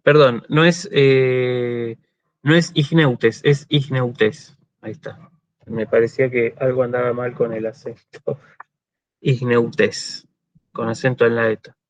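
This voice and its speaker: A man's voice: mid-range voice, fairly even intonation, normal speed. A man with an Argentine accent gives a university lecture over a video call, explaining patiently and checking in with his listeners. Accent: Argentine Spanish. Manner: explanatory, frequent "¿sí?" check-ins and "este" fillers. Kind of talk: online lecture.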